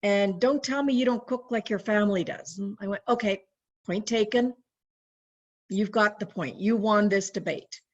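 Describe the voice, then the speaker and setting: Raised in Canada, a webinar guest recalls personal stories casually in a mid-range voice at normal speed, chatty and animated when she quotes people in lively voices. She restarts often, and the video call audio sounds dull and lo-fi.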